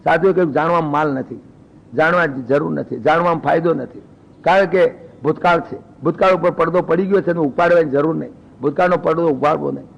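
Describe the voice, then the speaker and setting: A man's voice: a little high, fairly quick, creaky, muffled recording. An older man giving a spiritual discourse, telling a folk story and voicing its characters in homely dialogue. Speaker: spiritual speaker.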